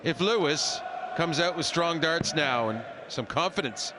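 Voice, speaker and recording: A man's voice: on the high side, expressive, unhurried. A man co-commentating live on darts, analysing the play. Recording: loud crowd and arena noise.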